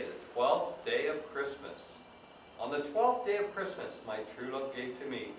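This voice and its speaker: A man's voice: a little high, a bit bright. A man playing Santa Claus as a jolly, folksy storytime host, reading storybooks aloud to children with chatty asides. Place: echoey indoor room, away from the mic. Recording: very echoey room, distant mic, faint noise.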